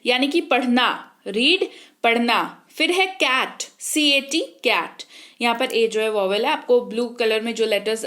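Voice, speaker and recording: A woman's voice: fairly high pitch, fairly bright tone. A woman teaching English spelling in Hindi, patiently spelling out letters and often checking that the listener follows. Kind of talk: spelling lesson explained in Hindi.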